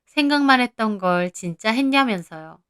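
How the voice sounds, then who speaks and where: Story narrator, young woman, defiant and matter-of-fact, fairly high voice. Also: expressive, normal speed, fairly bright tone, smooth.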